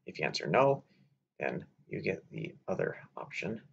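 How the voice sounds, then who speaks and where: A man walking through a software tutorial step by step, in a relaxed way with filler words, over a slightly dull recording with faint noise. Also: sits low, moderate pace, gravelly, husky. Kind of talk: screen-recorded software walkthrough.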